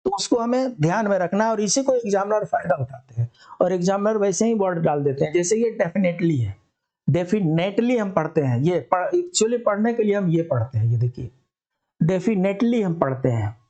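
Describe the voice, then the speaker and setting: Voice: mid-range voice, warm tone. A teacher giving a spelling lesson for exam students, explaining step by step and answering their own questions.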